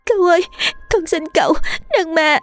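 A woman's voice: very high voice, moderate pace, soft background music, pitched above the performer's own voice. A timid young girl pleads in a thin, raised voice, stammering with fear, as a woman narrator puts her on. The voice sits well above the narrator's own, in a spoken horror tale. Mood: pleading.

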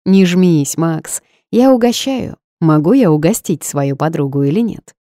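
A woman voicing a brash, bossy young woman who is a pushy friend, speaking loudly and emphatically. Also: sits low, lively intonation, measured pace, no echo, studio quality. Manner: loud, emphatic, commanding.

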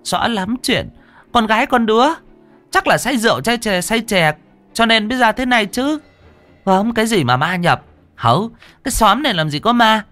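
A man's voice: sits high, animated, normal speed, pushed and bright, soft background music, voice pushed up. A man voicing a stout older woman landlady who scolds and dismisses the fuss. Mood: scolding.

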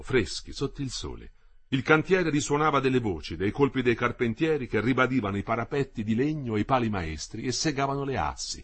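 A man narrates a novel in a husky, slightly breathy voice. His pitch moves a lot, giving the reading a lively, expressive rise and fall. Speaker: audiobook narrator. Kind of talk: literary reading aloud.

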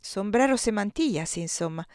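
A woman reading the part of a sharp, ironic young man in a storybook reading. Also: mid-range voice, animated, moderate pace, dry recording, studio quality, close to an everyday voice.

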